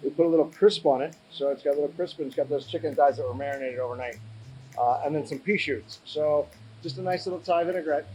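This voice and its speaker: A man, a chef, chatting casually in an interview with many pauses and fillers. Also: fairly high pitch, a little mellow, slight background noise, rough recording. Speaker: chef and caterer.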